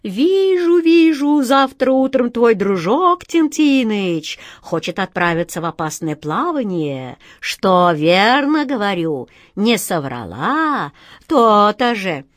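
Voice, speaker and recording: A woman's voice: extremely high pitch, animated, slow, hardly any pauses, warm tone, dry recording, studio quality, pitched above the performer's own voice, heavily acted. A woman voicing a wheedling, greedy old female fortune-teller in a storybook reading, wailing and sing-song.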